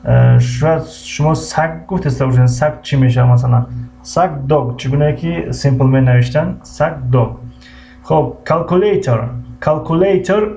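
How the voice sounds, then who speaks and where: A man with a Tajik accent teaching English on a live stream, repeating each word slowly and greeting viewers by name. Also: mid-range voice, gravelly, mellow. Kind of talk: live-streamed language lesson. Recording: muffled lo-fi stream audio with faint hum.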